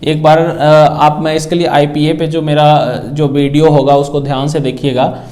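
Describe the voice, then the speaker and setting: A man's voice: a little high, flat delivery, normal speed, darkish tone. A man teaching an English grammar lesson, explaining patiently and often checking in with the listener while writing on a board. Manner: mixes Hindi with English phrases.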